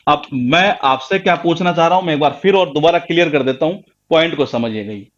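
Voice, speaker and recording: High-pitched guy teaching grammar, keeps repeating himself and quizzing the class, kinda muffled audio. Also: fast talker. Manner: emphatic, repetitive, quizzing students. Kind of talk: live online class lecture.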